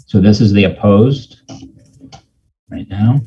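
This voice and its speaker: Hesitant, slow man with a husky voice. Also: lowish voice, mellow, dull audio. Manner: hesitant, halting, apologetic. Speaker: meeting chair. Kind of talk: informal procedural meeting talk. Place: remote video meeting.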